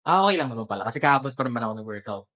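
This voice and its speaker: A man's voice: medium pitch, animated, racing, pushed and bright, a little hiss or hum. A Filipino man, a native Tagalog speaker, chatting casually as a vlogger and switching between Tagalog and English. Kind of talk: casual vlog chat mixing Tagalog and English. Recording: music over the voice.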